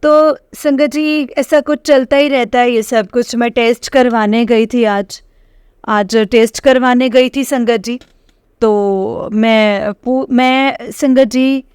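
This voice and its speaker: A woman recounts a personal experience to her congregation in a smooth, clear voice pitched a little high. She talks hesitantly, stops and starts, leans on fillers and keeps calling out to her listeners. The sound is close and dry. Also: darkish tone, no echo. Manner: hesitant, full of fillers and restarts, often addressing the listeners directly. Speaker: devotee sharing a personal experience.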